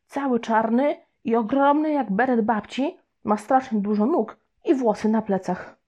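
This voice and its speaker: In a storybook reading, a woman pushes her somewhat high voice upward to play a mischievous young boy who tells exaggerated fibs. She keeps a measured pace, and the delivery is lively and playful. The audio is dull and lo-fi.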